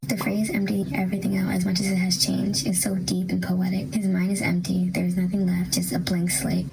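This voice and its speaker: A woman's voice: lowish voice, monotone, fairly quick, vocal fry, darkish tone, rough recording. A woman reading a scripted commentary that analyses lyrics, with music playing behind her. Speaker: commentator explaining song lyrics. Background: background music.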